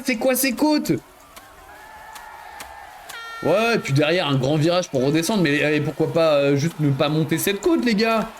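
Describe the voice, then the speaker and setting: A man giving live commentary on a video game he is playing, excitable and joking, often breaking into exclamations. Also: a little high, slight background noise. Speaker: streamer.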